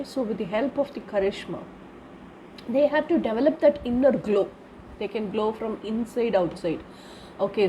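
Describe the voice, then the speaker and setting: A woman's voice: on the high side, warm tone, slight background noise, low-quality recording. Wheezy Indian woman with a cold. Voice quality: slightly wheezy, cold-affected voice. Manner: instructive, repeats phrases with tag 'na'. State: congested with a cold, sore throat and wheezing. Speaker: charms card reader giving guidance. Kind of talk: casual spiritual reading to viewers.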